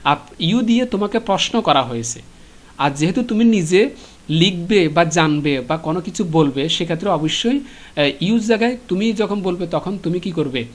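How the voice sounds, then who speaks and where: A man teaching an English lesson to schoolchildren, explaining patiently with frequent filler pauses and repeated questions. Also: sits high, animated.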